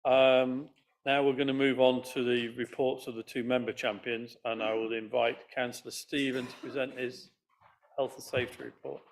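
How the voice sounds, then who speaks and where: A man serving as mayor, chairing a council meeting in a brisk, procedural way with a mildly wry touch. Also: medium pitch, level tone, gravelly, a little hiss or hum.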